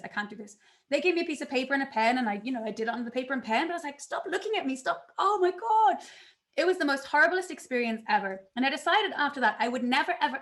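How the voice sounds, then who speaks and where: A woman giving a conference talk, telling her story in an animated way and acting out her own past reactions. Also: fairly high pitch. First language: not English. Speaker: conference speaker.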